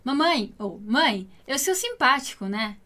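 A woman with a high voice teaches a language lesson in a patient, explanatory way. She grew up in Italy and slows right down to spell out each example phrase before explaining it. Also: very animated, pushed and bright. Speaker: Italian teacher.

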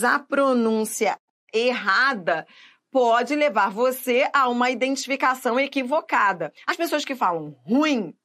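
A woman's voice: a little high, a bit bright. A woman teaching Portuguese grammar for exam prep, stretching words out and checking in with the viewer. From Brazil. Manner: didactic, drawn-out syllables, checks in with the viewer.

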